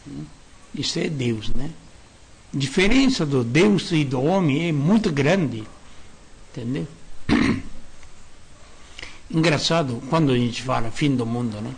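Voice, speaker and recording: A reverend giving an earnest sermon-style lecture, speaking in short broken phrases, repeating key words and tagging sentences with questions. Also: male voice, medium pitch, animated, measured pace, vocal fry, long pauses, slightly rough.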